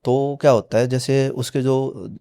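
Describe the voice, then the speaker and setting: Man, podcast guest, casual storytelling, mellow tone, quotes dialogue. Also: mid-range voice, fairly even intonation, unhurried, smooth. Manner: retells dialogue with many "he said" tags.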